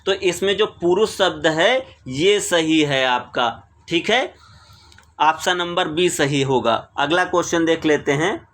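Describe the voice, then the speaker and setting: A man's voice: on the high side, unhurried, a bit bright. A man teaching exam questions, reading each question, repeating it and explaining the answer. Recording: screen recording voice-over.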